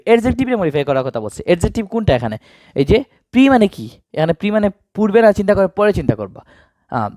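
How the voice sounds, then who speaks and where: Lively high-pitched male grammar teacher. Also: no room sound. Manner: asks questions and answers them himself. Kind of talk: exam-prep grammar lesson.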